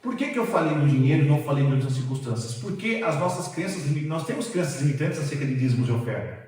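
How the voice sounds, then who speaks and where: Male pastor preaching, voice jumps up and down a lot, kinda high, big echoey hall and mic far off. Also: fast. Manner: animated, storytelling testimony. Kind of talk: sermon. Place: church sanctuary.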